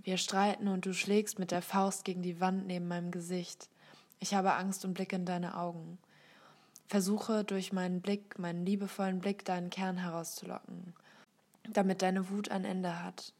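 A woman reading a personal essay aloud in a soft, measured voice that often drops to a whisper. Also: on the low side. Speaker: reader of a guest text.

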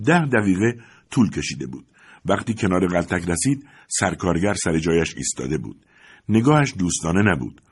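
Husky, low-voiced male storyteller. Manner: expressive storytelling. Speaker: narrator. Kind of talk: audiobook story reading.

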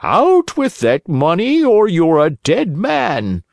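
A man doing a threatening robber in a storybook, gruff and sinister, his threats rising loud and swinging in pitch. The recording is dry. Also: wildly swooping pitch, takes it slowly, no echo, full character voice. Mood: menacing. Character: two menacing male robbers, threatening.

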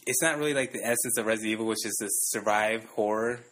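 A man's voice: lowish voice, quick pace, fairly bright tone. Laid-back man in hesitant casual chat.

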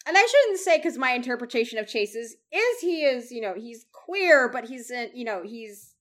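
A woman co-hosting a podcast in casual chat, rambling and cutting herself off with quick asides. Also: fairly high pitch, expressive, fairly bright tone. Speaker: podcast co-host.

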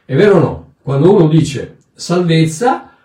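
A man's voice: fairly high pitch, animated, unhurried, mellow, roomy sound, recorded from a distance. A man preaching in a sermon-style Bible lesson, emphatic, often repeating words and restarting as he explains.

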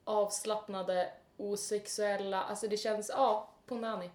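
Animated woman telling stories. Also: medium pitch, echoey room. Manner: animated, laughing, acts out quotes. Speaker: podcast co-host. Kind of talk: casual chat, storytelling.

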